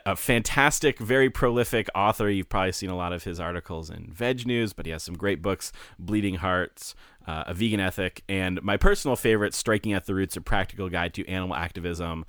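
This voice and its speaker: A man co-hosting a casual podcast, talking in a relaxed, rambling way and laughing easily, on a studio microphone. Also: lowish voice, clear, resonant tone, dry recording. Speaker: podcast co-host.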